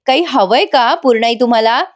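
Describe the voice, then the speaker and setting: A woman's voice: on the high side, a little fast, natural voice. A woman voicing an eager, bustling household helper in a retold TV serial scene.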